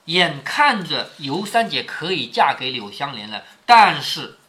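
A man's voice: a little high, big pitch swings, unhurried, sharp tone. A man reading a classic novel aloud to his daughter, stopping often to explain it in a chatty way with frequent tag questions.

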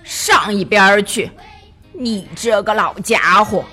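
A woman's voice: mid-range voice, slow pace, faint music behind, full character voice. A woman doing a furious grumpy rhino. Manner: loud, gruff, furious. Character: grumpy, vengeful male rhino.

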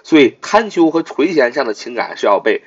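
A male teacher explains vocabulary in a lively, swinging voice that rises on his questions. He repeats each word three times and spells it out letter by letter. The recording sounds dull and lo-fi. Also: mid-range voice, brisk, breathy edge. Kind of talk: vocabulary lesson.

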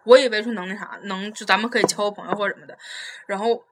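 Brief: woman co-host, casual and profane, rapid-fire delivery. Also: mid-range voice, background noise. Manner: blunt, heavy swearing, animated retelling. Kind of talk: casual chat, storytelling.

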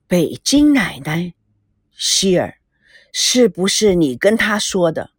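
A calm elderly grandmother speaks softly and slowly, trying to smooth things over, as a woman storyteller puts her on. Her voice sits lower and gentler than the narration. The sound is close and dry. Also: dry recording, exaggerated voice. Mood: gentle. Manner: soft, slow, placating.

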